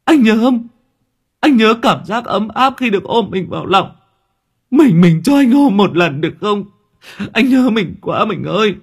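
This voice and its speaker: A melodramatic husband who pleads in a raised, sobbing voice, as a narrator acts him out. His grief is put on and overdone, with the pitch pushed well up. The tone is husky, and the pitch swings widely as he pleads. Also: expressive, a little slow, heavily acted. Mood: fake sobbing. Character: grown man faking grief for his dead wife, melodramatic.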